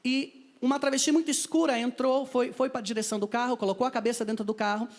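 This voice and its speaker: A man's voice: extremely high pitch, steady tone, fast talker. A man with a Brazilian Portuguese accent, a missionary telling a personal testimony and acting out the dialogue in a vivid storytelling manner.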